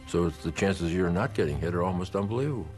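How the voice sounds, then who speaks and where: A low-voiced man speaks earnestly in an interview. Faint music plays behind. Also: fast, darkish tone.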